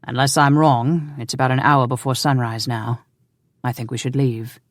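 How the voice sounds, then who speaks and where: In a historical romance audiobook, a narrator voices a loving husband who is commanding and quick to exasperation, with a teasing mood. The middle-pitched voice has a stern, sardonic edge, a steady tone, normal speed, and light acting. It is recorded very dry.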